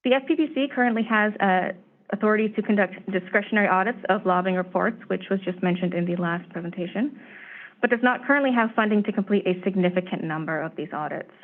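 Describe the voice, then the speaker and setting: Her voice a little hoarse, a woman on the commission staff clears her throat while delivering a formal briefing about proposed legislation. She reads prepared remarks at a medium pitch, keeping a steady, measured pace. The sound is thin and tinny, like a phone line.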